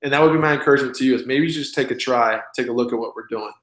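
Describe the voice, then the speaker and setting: A man in his thirties giving a recorded webinar pitch, blunt and folksy, urging listeners to go for it. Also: racing, fairly bright tone, reverberant. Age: 30s. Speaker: presenter.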